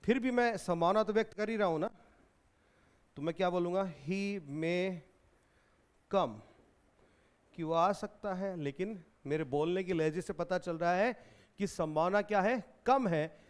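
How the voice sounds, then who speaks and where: A man's voice: high-pitched, moderate pace, clear, resonant tone. A man from India teaching an exam-prep English grammar lesson in Hindi, explaining and repeating questions back to his students.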